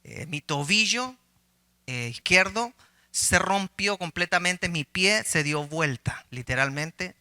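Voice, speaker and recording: A man's voice: sits high, lively intonation, takes it slowly, sharp tone. A middle-aged man, a pastor giving a conversational sermon, telling a personal story with humor and questions to his listeners.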